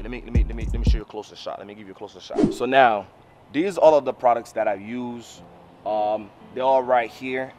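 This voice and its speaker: A man in his thirties giving a casual instructional vlog, repeating himself as he explains things straight to the viewers, speaking into a camera outdoors. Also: lowish voice. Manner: repetitive, explanatory, addresses viewers directly as "you guys". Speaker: mobile car detailer and video host. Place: outdoors on an open rooftop parking lot beside a van. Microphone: camera mic, mostly handheld at arm's length.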